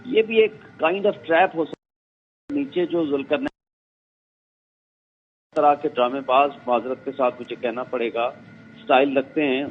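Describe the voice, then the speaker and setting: A man speaking as a guest lawyer on a phone-in interview, making measured arguments and quoting others. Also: on the high side, a little hiss or hum. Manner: measured legal arguing, quotes others. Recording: tinny phone line with faint music.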